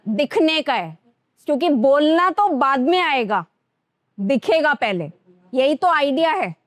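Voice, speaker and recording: A woman's voice: high voice, no room sound, clean studio sound. A woman with an Indian accent teaching a grooming workshop to students in a classroom, switching between Hindi and English and addressing them directly.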